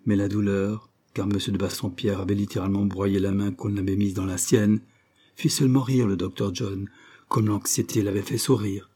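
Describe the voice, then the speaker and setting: A man narrates a classic novel, measured and expressive. His voice is mellow and dark, with a soft husky edge. It suits a literary audiobook. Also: lowish voice. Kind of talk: scripted narration.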